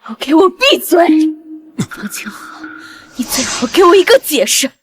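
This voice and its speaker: A woman's voice: high voice, big pitch swings, moderate pace, faint music behind. An actress playing a middle-aged mother-in-law, a hidden powerful matriarch, who swings from tearful pleading to fierce command. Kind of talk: short drama acting.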